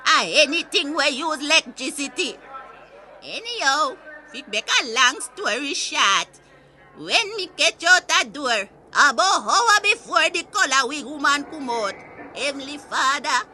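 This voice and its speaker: A woman's voice: high voice, bright, forceful tone, slight background noise, heavily acted. A woman playing a feisty, gossipy old Jamaican grandmother in a comic audio story, ranting indignantly and with exclamations in Patois. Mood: indignant, baffled. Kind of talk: comic monologue rant in Patois.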